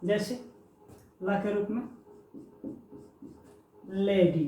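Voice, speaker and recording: A teacher giving a slow pronunciation lesson, saying example words one at a time and repeating them. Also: medium pitch, expressive, slight background noise. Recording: echoey room, far from mic.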